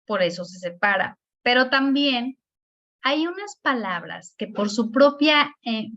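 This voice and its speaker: Mexican woman teaching a spelling lesson. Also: medium pitch. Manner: explanatory, repeats words slowly to show stress. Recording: dull lo-fi recording.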